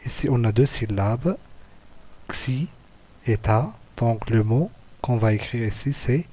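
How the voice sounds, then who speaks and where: A man with an Algerian French accent, walking through written school exercises as a teacher, slowly repeating words and syllables. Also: mid-range voice, dark tone. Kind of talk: slow, patient lesson walkthrough.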